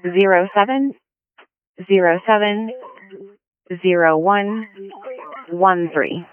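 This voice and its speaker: A police dispatcher on a radio channel, briskly reading plate checks, codes and incident numbers in set procedure. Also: medium pitch. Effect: police radio transmission. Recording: tinny, dry radio channel.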